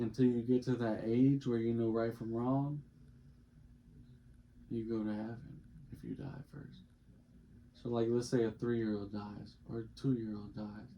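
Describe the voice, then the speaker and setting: A man hosting a casual podcast chat, talking in a blunt, profane way. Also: mid-range voice. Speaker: podcast host. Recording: muffled, noisy recording.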